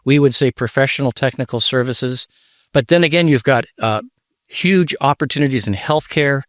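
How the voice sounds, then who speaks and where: A man's voice: medium pitch, moderate pace, a bit bright, no room sound. Middle-aged guy, nonprofit ceo talking shop, businesslike, rattles off numbers, dry close mic. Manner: businesslike, lists facts and figures. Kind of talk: conversational interview. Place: studio in Washington, DC.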